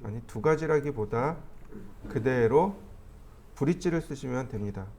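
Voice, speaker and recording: A man teaching a 3D modeling class, explaining each step as he clicks through the software. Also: mid-range voice, lively intonation, a little slow, slight background noise. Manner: step-by-step explaining, thinking aloud while clicking. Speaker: 3D modeling instructor. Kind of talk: screen-recorded software tutorial.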